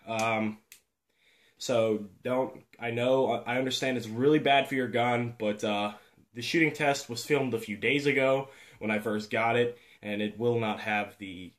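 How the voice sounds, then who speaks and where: Rambling, halting man showing off his gear. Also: medium pitch, steady tone. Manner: rambling, halting, full of fillers and restarts; easygoing and self-deprecating. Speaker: airsoft gun reviewer. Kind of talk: casual show-and-tell vlog.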